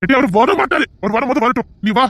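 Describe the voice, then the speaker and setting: Brief: man as hot-tempered husband, quick threatening delivery, audio drama. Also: very high voice, a bit bright. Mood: demanding. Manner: rapid, insistent, threatening outbursts. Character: angry, pleading young husband. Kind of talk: Tamil audio drama acting.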